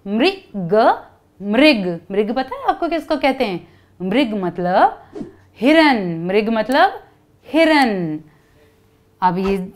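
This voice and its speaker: Female teacher for a kids' lesson, patient, call-and-response delivery, mid pitch. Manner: call-and-response, asks kids to repeat; patient, repeats each syllable. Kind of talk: children's lesson.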